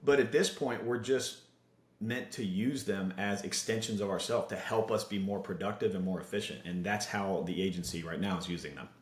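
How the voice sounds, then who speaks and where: A man talking as a podcast guest, telling stories and giving motivational advice with energy. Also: fairly low pitch. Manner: energetic storyteller, motivational, fast asides. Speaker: podcast guest, digital marketing agency owner. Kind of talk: casual interview chat. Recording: roomy echo.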